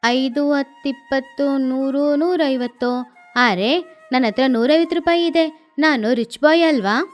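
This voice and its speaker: A woman voicing a boastful but good-hearted young boy bird in a cartoon, talking in a slow, swaggering, playful way. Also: high voice, faint music behind. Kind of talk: cartoon voice acting.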